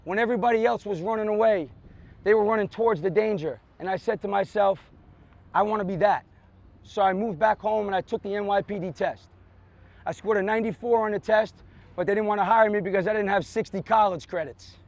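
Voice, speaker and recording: A middle-aged man with a notably high voice delivers a motivational pep speech to a group. He is earnest and emphatic, repeating phrases for weight and checking in with short tag questions. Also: brisk. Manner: earnest, emphatic, repeats phrases for effect, tags with "right?" and "okay?". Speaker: police officer and motivational speaker. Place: outdoors on a sports field.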